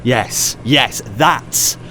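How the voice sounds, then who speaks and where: In what sounds like an audio drama, a man plays a curious ethics professor in a medium-pitched, sharp-toned voice. He speaks very slowly, conversational and probing, fascinated and thoughtful, restarting hesitantly as he works out his questions. Faint city ambience and slight background noise sit behind him.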